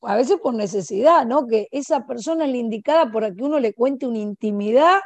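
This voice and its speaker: A woman's voice: on the high side, animated, a little fast, no room sound. An older woman with an Argentinian accent, preaching an informal sermon in a conversational way and often adding tag questions. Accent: Argentinian Spanish.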